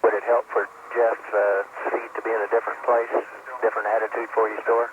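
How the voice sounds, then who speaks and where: A man's voice: on the low side, level tone, fast. A man, an astronaut crew member, relaying task talk and readbacks over astronaut radio. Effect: space-to-ground radio. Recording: muffled, hissy spacecraft radio.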